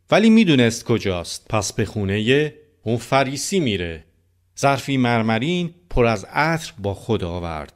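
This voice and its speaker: A man preaching a sermon, reading scripture passages aloud and then explaining them in a casual, conversational way to his audience. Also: mid-range voice. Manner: reads formal verses then comments casually to the audience.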